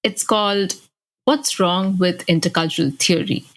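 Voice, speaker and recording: A woman's voice: on the low side, unhurried, poor audio. A woman from India co-hosting a podcast, speaking in an engaged, curious way. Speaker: podcast co-host. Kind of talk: podcast conversation.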